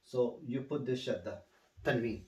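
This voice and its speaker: A man teaching one student, patient and unhurried, often repeating each word slowly. He sits back from the mic in a roomy space, so his voice carries a clear echo. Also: medium pitch, dark tone, far from the mic. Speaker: Quran recitation teacher. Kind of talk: one-on-one tutoring.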